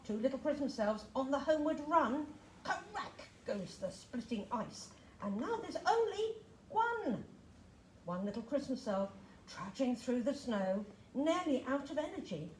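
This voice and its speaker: An expressive woman reads a children's picture book aloud, sing-song and playful, her lively voice rising and falling. Her reading echoes in a roomy space with a faint hum behind. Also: high voice, unhurried. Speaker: children's storytime reader. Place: library room.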